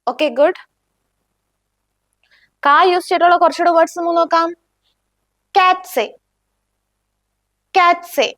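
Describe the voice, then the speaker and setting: Slow high-voiced woman teaching German. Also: a bit bright, no echo, clean studio sound. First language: Malayalam. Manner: slow, clear, repeats each word for the learner. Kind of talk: beginner language lesson.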